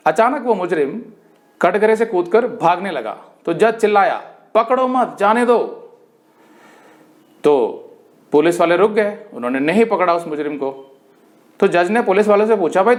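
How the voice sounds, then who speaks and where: एक अधेड़ उम्र का पुरुष बाइबल शिक्षक, जो प्रवचन के अंदाज़ में सिखाता है और कहानियों के पात्रों की बातें अभिनय करके सुनाता है।. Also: male voice, high-pitched. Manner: animated storytelling, acts out quoted speakers. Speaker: Bible teacher. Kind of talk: sermon-style Bible study.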